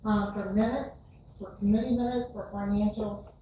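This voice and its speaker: A woman resident makes a pointed complaint at public comment, her voice flat and even. She is picked up from a distance in a very echoey room. The recording is muffled and noisy. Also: mid-range voice, normal speed.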